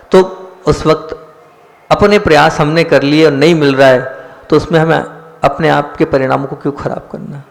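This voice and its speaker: Gravelly Jain monk preaching in a hall. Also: male voice, fairly high pitch. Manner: earnest, repeats key lines, asks listeners rhetorical questions. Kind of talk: sermon. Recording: long hall reverb.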